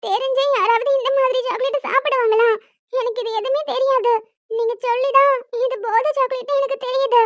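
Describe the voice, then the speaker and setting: In this cartoon, a naive and timid young college girl, played by a woman speaks in a very high, piping voice. She stammers and pleads her way through her lines. The recording is dry and dull, with a lo-fi sound. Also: fairly even intonation, brisk, no room sound. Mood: pleading. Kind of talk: animated story dialogue.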